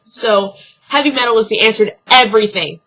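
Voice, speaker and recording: A woman's voice: a little high, expressive, brisk, a bit bright, poor audio. A young woman vlogging casual advice, blunt and earnest, swearing freely as she talks straight to the viewer.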